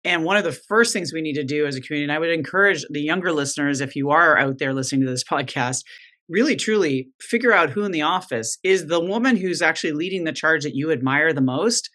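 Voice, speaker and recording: Encouraging woman coach, bright voice. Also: low voice, quick pace. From North America. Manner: encouraging, animated, advisory. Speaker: guest, leadership coach. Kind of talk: conversational interview.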